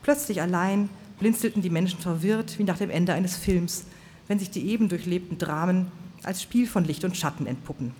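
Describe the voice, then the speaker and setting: A reader narrating a novel passage aloud at a live reading, measured and expressive, at a middling pitch. A long reverb from the hall trails behind each sentence. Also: a little hiss or hum. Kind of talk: literary reading before an audience.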